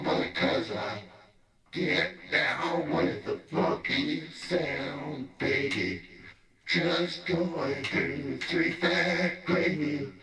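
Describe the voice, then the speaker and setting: A man's voice: mid-range voice, pushed and bright, reverberant. A man on a live stream talking through a robot voice filter, rambling loosely in rhymes and half-sung lines.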